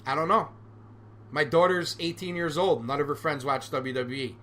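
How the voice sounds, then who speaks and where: A man's voice: fairly high pitch, fairly even intonation, normal speed, fairly bright tone. A man in his forties hosting a solo podcast, ranting sarcastically and with animation. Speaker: podcast host.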